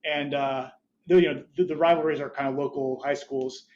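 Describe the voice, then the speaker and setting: A man's voice: mid-range voice, fairly even intonation, normal speed, a little mellow, muffled recording. A man in his thirties, a startup founder talking as a podcast guest, rambling with many restarts and short laughs. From Budapest, Hungary, raised there as an American. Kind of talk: casual interview chat.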